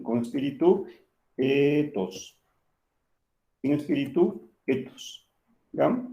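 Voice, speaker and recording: A man's voice: medium pitch, vocal fry, mellow. A male teacher giving an online class lecture, explaining patiently and often checking that students follow.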